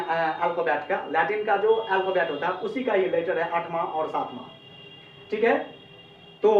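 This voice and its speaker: A man's voice: sits high, slight background noise. A man teaching English pronunciation in a lesson, repeating each sound several times and calling the viewers friends. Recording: echoey, distant, dull lo-fi sound.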